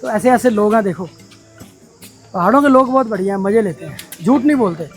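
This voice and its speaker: A man vlogging a mountain toy train ride, talking casually and excitedly to his viewers. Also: high-pitched, fast talker, soft background music. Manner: chatty, excited, addresses viewers as brothers. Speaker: travel vlogger. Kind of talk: casual travel vlog narration. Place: aboard a mountain toy train and on station platforms.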